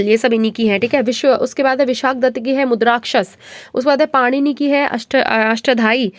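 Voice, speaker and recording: A young woman teacher races through exam revision notes in a quick, chatty way. Her voice is hoarse from a cold and sits fairly high. It is recorded close and dry, with no room sound. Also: dry recording. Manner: rapid, chatty, Hinglish asides. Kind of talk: fast revision lecture.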